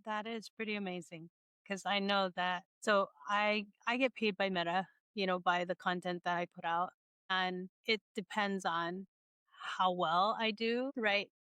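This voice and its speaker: A middle-aged woman hosts a casual interview. Her voice is smooth and resonant, recorded dry and close. She rambles warmly, laughs often and restarts her sentences as she thinks aloud. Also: mid-range voice, steady tone, measured pace, dry recording. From Hawaii. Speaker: podcast host.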